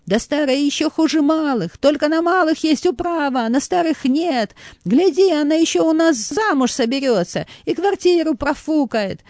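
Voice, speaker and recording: A woman's voice: high-pitched, animated, normal speed, a little mellow, no echo, studio quality, pitched above the performer's own voice. A woman voicing an irritable, bossy grown son who scolds curtly, in a read-aloud story. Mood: irritated, scolding. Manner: scolding, curt.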